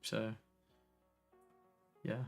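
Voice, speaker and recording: A man chatting casually on a live tech stream, relaxed and a little tired, reading viewer comments aloud and drifting between topics. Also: drawn-out words, soft background music. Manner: relaxed, tired, easily sidetracked, reads chat aloud.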